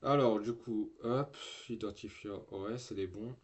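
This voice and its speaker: A man's voice: fairly low pitch, measured pace, breathy edge. A teenage boy live-streaming from home, chatting loosely with slang and swearing, full of restarts and trailing fillers. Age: teens. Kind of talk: casual live-stream chat.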